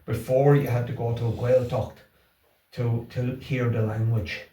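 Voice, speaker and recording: A man's voice: mid-range voice, little pitch movement, a little slow, dark tone. A middle-aged or older man with a Wexford Irish accent, chatting casually in an interview, hesitating and repeating his words as he goes. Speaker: interview guest, Irish language class organiser. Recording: roomy echo, distant from the mic.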